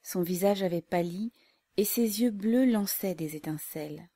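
A woman narrating a classic novel as an audiobook in a calm, measured way. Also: fairly low pitch, dry recording. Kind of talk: scripted narration.

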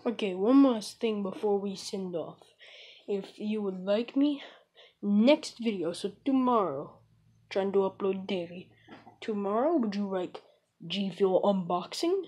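A woman's voice: medium pitch, lively intonation, a little slow, mellow, breathy edge, rough recording. A woman hosting a casual gaming vlog, talking in an offhand, jokey way and calling her viewers comrades in a mock Russian voice. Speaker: gaming channel host.

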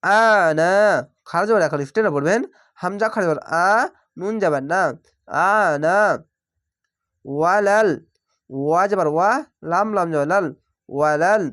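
A man teaching Quran reading, spelling out each syllable slowly and drawing out the sounds. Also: sits high, a bit bright, no room sound, studio quality. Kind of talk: syllable-by-syllable recitation lesson.

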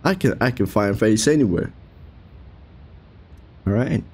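Slow, low-voiced man with swooping pitch. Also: lively intonation, a little mellow, breathy edge. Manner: joking, flippant, halting with repeated words. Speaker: streamer playing a horror game. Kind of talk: casual game reaction commentary, reading on-screen questions aloud.

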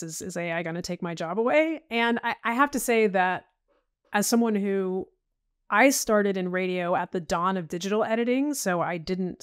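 A woman's voice: mid-range voice, dry recording, studio quality. A middle-aged woman talking casually as a podcast guest, chatty, with frequent restarts and "you know"s. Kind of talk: casual interview chat.

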